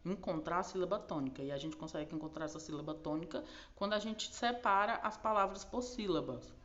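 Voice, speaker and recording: Brazilian Portuguese woman teacher, very low voice, dull lo-fi recording. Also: fairly bright tone. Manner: patient, slow over key words, frequent tag questions. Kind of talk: recorded class explanation.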